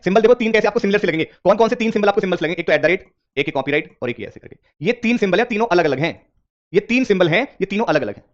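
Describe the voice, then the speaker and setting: A man's voice: high voice, dull audio. A man teaching a reasoning class live online, repeating questions and coaxing his students with English terms mixed in.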